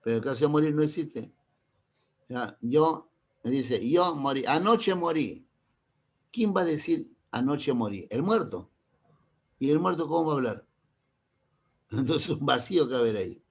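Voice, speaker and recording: A middle-aged man stands at the front of a class, walking through grammar rules in an easy, mid-pitched voice. He keeps stopping to check that everyone follows, firing off short questions to the room. Now and then he slips in a teasing example to keep the lesson light. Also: lively intonation, gravelly, a little mellow, slightly rough. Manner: constantly checks understanding with quick questions. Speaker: language teacher.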